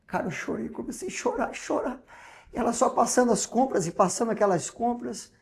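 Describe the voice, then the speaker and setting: A man with a Brazilian Portuguese accent, a pastor telling a personal testimony in an interview, acting out the dialogue and swinging between loud and hushed. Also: very high-pitched, expressive, a little fast, vocal fry.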